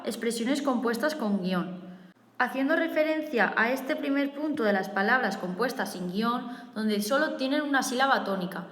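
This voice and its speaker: Spanish-accented teacher in an echoey room. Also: female voice, a little high. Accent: Spain. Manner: steady, methodical reading with enumerated points. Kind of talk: reading a recorded review lesson. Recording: echoey room with long reverb.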